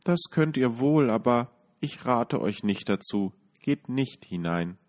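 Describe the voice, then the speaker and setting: A man voicing a young girl who speaks softly with a sad voice. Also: mid-range voice, expressive, a little slow, pitched above the performer's own voice, close to an everyday voice. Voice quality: soft, sorrowful.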